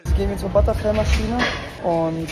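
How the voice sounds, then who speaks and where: A man's voice: sits high, steady tone, brisk, loud music behind the voice. A young man filming himself on a phone, talking straight to his viewers in a hyped, slangy vlog style as he walks through the city and the gym. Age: young adult. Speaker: vlogger. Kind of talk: casual vlog narration. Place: city streets, hotel and gym, in and out of doors. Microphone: phone camera at arm's length.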